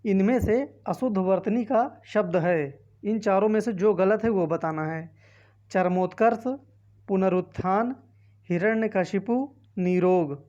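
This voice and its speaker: In this muffled recording, a woman speaks at a medium pitch and measured pace with a mellow tone. She's an exam-prep teacher with a Hindi-speaking north Indian accent, walking through a quiz by reading options one at a time and explaining each.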